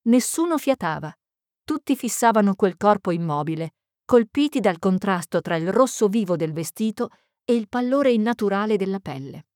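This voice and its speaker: A woman narrating a mystery novel in a measured, suspenseful reading. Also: mid-range voice, lively intonation, a little mellow, no echo, clean studio sound. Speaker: audiobook narrator. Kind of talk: scripted narration.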